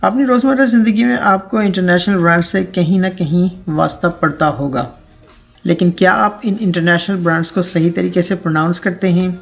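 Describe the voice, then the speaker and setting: A man teaching a pronunciation lesson, repeating each word slowly several times so listeners can copy it. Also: high voice, creaky, soft background music.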